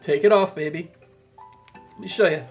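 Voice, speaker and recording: A man in his thirties livestreams casual commentary from a room at home, talking through a studio mic on a boom arm with soft music playing behind him. His voice is a little high and moves at a normal speed. He rambles in an animated way and fills his talk with lots of fillers.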